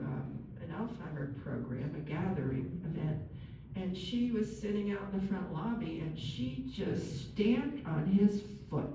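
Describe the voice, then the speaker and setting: A woman's voice: fairly low pitch, slight background noise. Woman lecturing in a very echoey room. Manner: chatty, gentle, acts out example phrases. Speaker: nurse and counsellor giving a talk. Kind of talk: informal talk to a group. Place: large room with an audience. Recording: very echoey room, far from mic.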